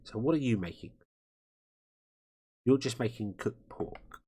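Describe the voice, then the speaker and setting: With guitar music playing beneath him, a man streams a game and comments live, rambling and thinking out loud. He has a medium-pitched, warm voice, an expressive delivery, and a measured pace.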